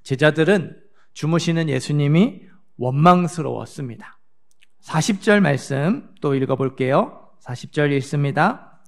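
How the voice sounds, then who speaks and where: High, gravelly-voiced male pastor preaching. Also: animated, measured pace. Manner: asks the congregation questions and answers them himself; acts out the disciples' frantic words in a higher voice. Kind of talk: Sunday sermon. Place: church sanctuary.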